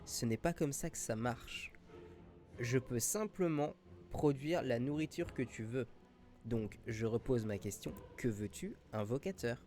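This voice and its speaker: A man's voice: medium pitch, expressive, a little slow, mellow, a little hiss or hum, lightly acted. A man voicing a summoned magic horn of plenty in a tabletop game, cavernous, formal and exacting. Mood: solemn. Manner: solemn, literal, exacting. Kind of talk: tabletop game role-play.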